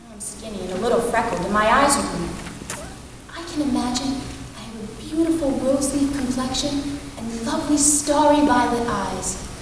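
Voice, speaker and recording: A woman's voice: a little high, moderate pace, background noise, close to an everyday voice. A woman playing a chatty dreamy orphan girl. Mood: gushing. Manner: breathless, gushing, theatrical monologue. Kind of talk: stage monologue performance. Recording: echoey hall recorded from far off.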